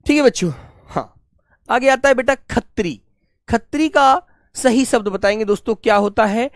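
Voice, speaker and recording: A man teaching an online language class, who asks each question again and again, calls his pupils "beta" and gently scolds them. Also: extremely high pitch, normal speed, no room sound, clean studio sound. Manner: gently scolding, patient explainer. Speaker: Hindi teacher. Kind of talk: live online exam-prep class.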